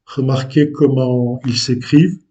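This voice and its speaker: Slow, hesitant man teaching language. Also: medium pitch, steady tone, warm tone, highs cut off. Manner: slow and deliberate, with frequent hesitations. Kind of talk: unscripted language lesson.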